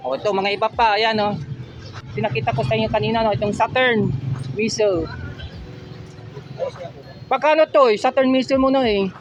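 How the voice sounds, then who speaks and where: A man's voice: high-pitched, steady tone, normal speed, long pauses, highs cut off, a little hiss or hum. A man with a Filipino accent vlogging casually at outdoor stalls, asking vendors for prices and talking to his viewers as friends. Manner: chatty, asks prices, addresses viewers as friends. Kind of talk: casual walk-through vlog.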